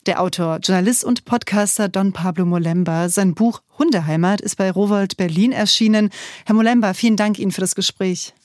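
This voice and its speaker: A woman hosts a radio interview in a composed, articulate way. She frames the topics and asks her guest clear questions. The studio sound is close and dry. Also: medium pitch, a little fast, a little mellow, dry recording.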